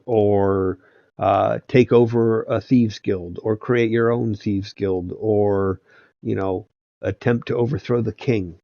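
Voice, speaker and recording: A man's voice: lowish voice, vocal fry, a little mellow, dry recording. A man who runs tabletop games, giving meandering casual advice with many hesitations and restarts. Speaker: tabletop game master and video host. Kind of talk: casual rambling advice talk. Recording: dull lo-fi sound with faint background music.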